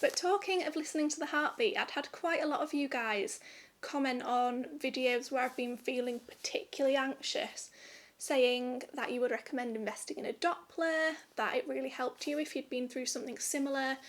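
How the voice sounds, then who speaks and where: A woman's voice: high voice, normal speed. A young woman vlogging to camera in a candid, rambling, chatty way. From United Kingdom. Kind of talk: casual chat to camera.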